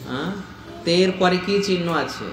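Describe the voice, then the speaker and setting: A man's voice: high-pitched, moderate pace, a crowd in the background. A man teaching a scripture class, explaining patiently, repeating key points and checking that his listeners understand. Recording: echoey room with faint ambience.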